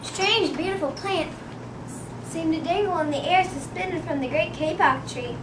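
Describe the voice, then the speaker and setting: Very high, childlike female storybook narrator. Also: moderate pace. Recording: noisy, echoey room, far from mic.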